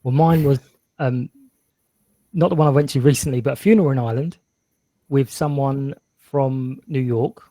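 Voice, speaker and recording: Dry-sounding, mellow-voiced male podcast host. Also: medium pitch, normal speed, pauses often, no echo. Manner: chatty, laughs often, self-mocking. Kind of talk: casual chat.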